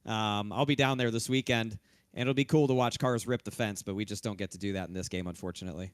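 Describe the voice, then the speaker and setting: A man talking through his sim race win in a loose, rambling way, his voice a little worn from celebrating. The tone stays smooth and resonant, and the recording is dry and close. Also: fairly low pitch, quick pace, no room sound. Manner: relaxed, loose, frequent restarts and fillers. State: losing his voice. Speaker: race-winning sim racing driver. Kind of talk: post-race interview.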